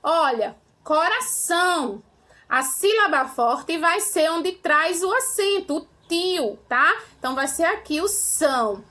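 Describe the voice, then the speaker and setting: Brazilian woman teacher for young kids, high bright voice, patient, step by step. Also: expressive, measured pace, hardly any pauses. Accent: Brazilian Portuguese. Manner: patient, explains step by step, ends phrases with "tá?". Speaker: primary school teacher. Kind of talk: remote lesson for children.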